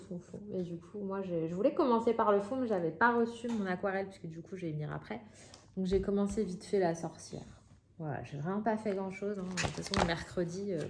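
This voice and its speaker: A woman's voice: mid-range voice, slight background noise. Chatty French-speaking woman vlogger. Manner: chatty, many fillers and restarts. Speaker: coloring vlogger. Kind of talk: casual chat. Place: home.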